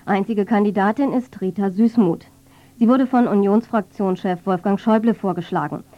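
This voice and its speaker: A woman's voice: medium pitch, normal speed. Dull-sounding radio recording of female newsreader. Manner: factual, neutral. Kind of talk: scripted news reading. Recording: dull, band-limited medium-wave radio.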